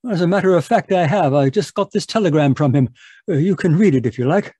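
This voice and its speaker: A man's voice: fairly high pitch, fast, warm tone, husky, no echo. A man playing a genial, inquisitive doctor who also narrates a radio mystery in a conversational, avuncular way. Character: genial, inquisitive doctor, detective's friend John Watson. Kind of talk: old-time radio mystery acting and narration.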